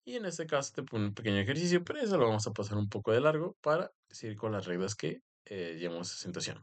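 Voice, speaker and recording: A man, a teacher explaining rules step by step and often filling pauses with the same stock phrase. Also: fairly low pitch, sing-song. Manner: explanatory, repeats "en este caso" as a filler. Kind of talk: recorded grammar lesson.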